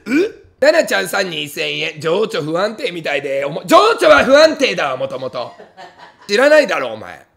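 Gravelly, lively man snapping back at comments. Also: moderate pace. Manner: snaps back at each comment with angry comic retorts; bursts into loud high laughs. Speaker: comedian streamer. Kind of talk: livestream chat reading with comic rants.

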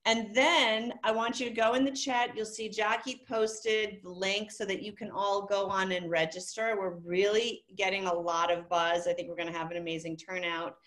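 A woman's voice: mid-range voice, fairly even intonation, normal speed, hardly any pauses, a bit bright. A woman hosting a virtual office meeting, upbeat and directive as she rallies the attendees over a video call. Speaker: meeting host.

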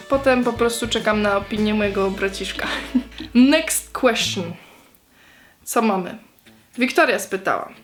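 A woman's voice: a little high, fairly bright tone. A young woman answering viewer questions in a casual vlog, chatty and hesitant, with many fillers and restarts.

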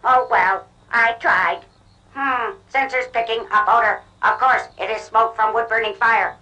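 A tidy little clockwork robot, voiced by a woman in a cartoon. He is polite and speaks in careful, stiff phrases. The voice sits a bit high and moves at a slow, deliberate pace. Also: fairly even intonation, music in the background, natural voice, rough recording. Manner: stiff, formal, mechanical phrasing. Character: small polite male wind-up clockwork robot. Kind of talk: animated cartoon voice acting.

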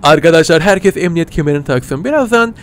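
Man, slightly high voice, excitable gaming commentary, playful, yelpy. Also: fairly quick. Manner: excitable, yelps and squeals at surprises, talks to viewers as "kitties". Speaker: gaming channel host. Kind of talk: playful let's-play commentary.

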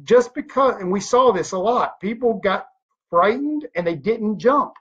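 Addressing a webcam at his home office desk, a thirty-nine-year-old network marketing leader motivates emphatically with rhetorical questions and big hand gestures. His high voice is slightly rough and unhurried. The webcam audio comes through dull and lo-fi.

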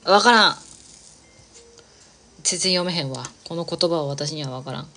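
Woman streamer rambling n laughing while she crafts, lowish voice, close mic. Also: brisk, fairly bright tone. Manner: rambling, chatty, frequent laughs, reads viewer comments. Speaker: livestreaming craft creator. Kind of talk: casual livestream chat while crafting.

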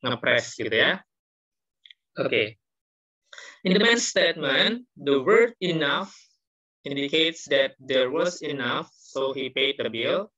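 A man's voice: mid-range voice, expressive, takes it slowly, pauses often, pushed and bright. A man teaching an English class online, explaining patiently and mixing in English phrases, his voice carrying a heavy echo. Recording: muffled, echoey online class audio.

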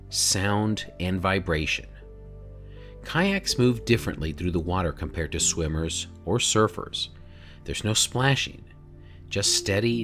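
A man in his forties narrates a documentary in a measured, explanatory tone, often asking rhetorical questions. His voice sits low but moves with lively intonation. Faint music plays underneath. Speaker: drone videographer and channel host. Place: home studio room, indoors.

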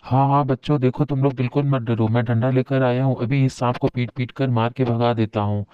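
A man's voice: mid-range voice, steady tone, brisk, clear, resonant tone, no room sound, dull audio, natural voice. A man playing a blustering protective neighbour. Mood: reassuring. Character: bold neighbour man with a stick. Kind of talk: doll-play story acting.

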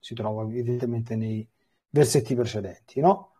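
A man's voice: medium pitch, fairly even intonation, normal speed, dark tone, slightly rough. A man, a priest, giving a Bible catechesis, reading passages aloud and stopping for explanatory asides.

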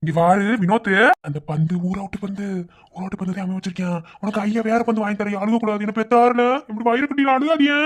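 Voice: mid-range voice, fast talker, natural voice. A voice actor playing a patient old grandfather in a cartoon, with a Madurai Tamil accent. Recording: loud background noise.

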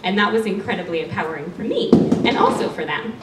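With a medium-pitched, animated, fast voice, a loud Canadian cosmetics maker in her thirties gives a guest talk at a panel event, mic in hand, to a small audience in a studio event room. Passionate and emotional, she laughs frequently. A faraway camera records roomy audio with a faint hum.

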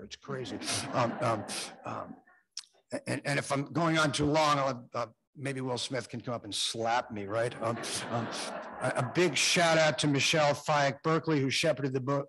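A man's voice: mid-range voice, fairly bright tone, rough recording. A man in his sixties from Florida giving a speech at a book launch in a museum, chatty and self-deprecating, with joking asides and frequent ums. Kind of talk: public speech with thanks and anecdotes. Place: museum event room.

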